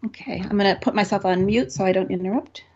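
A woman's voice: medium pitch, fast talker, darkish tone, husky, lo-fi sound. A woman hosting a radio show, talking conversationally to her listeners and guest.

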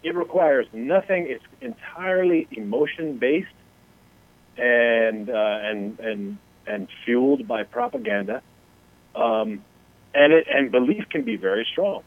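A man's voice: medium pitch, vocal fry, dry recording. Man talking over a tinny line. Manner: emphatic, halting, full of fillers. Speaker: talk show co-host. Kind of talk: casual profane talk show discussion.

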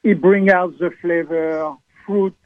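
A man with a French accent, a guest on a radio talk show, speaking haltingly with many fillers and restarts, taped off the radio. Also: sits high, steady tone, no echo, phone-quality sound. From France. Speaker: guest, champagne seller.

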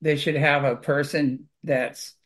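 A man speaks in a voice pitched a little above the usual for men. He chats casually and wanders from point to point in an earnest, rambling way. He talks about his work clearing houses. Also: little pitch movement, slow pace, fairly bright tone. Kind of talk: casual conversation.

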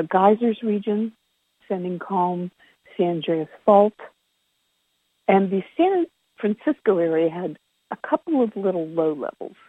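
This is a relaxed spoken report from notes, given over a telephone line on a conference call, with the speaker correcting themselves along the way. The mid-range voice has a breathy edge, and the connection is tinny and echoey.

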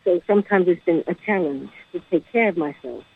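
Female caller, hesitant and halting, heard through a crackly phone line that fades in and out, thin and dry. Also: lowish voice, husky, no echo. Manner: hesitant, halting, full of ums. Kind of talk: call-in question to a radio show.

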